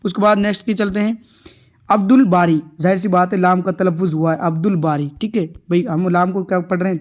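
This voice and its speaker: Male tutor, high voice, explains answers step by step with rhetorical questions. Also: darkish tone. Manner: repetitive, rhetorical questions, addresses viewers as friends. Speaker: exam tutor. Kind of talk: answer-key lesson.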